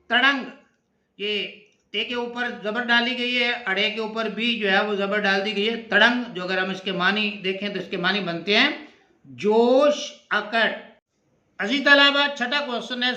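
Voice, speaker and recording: Bright-voiced Pakistani Urdu teacher in an echoey room. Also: male voice, high voice. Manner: slow, deliberate, repeating words for students. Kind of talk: exam-prep lesson walkthrough.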